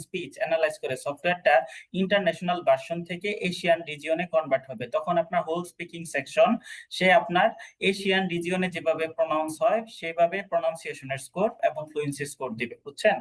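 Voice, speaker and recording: A man's voice: on the high side, low-quality recording. A man teaching an online exam-prep class, explaining step by step and checking that students follow. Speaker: PTE exam instructor.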